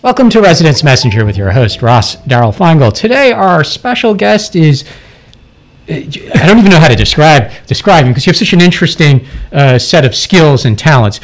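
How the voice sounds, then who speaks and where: A man hosting a radio interview, asking questions in a halting way with many restarts. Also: on the high side, very animated. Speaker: radio show host. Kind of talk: casual interview.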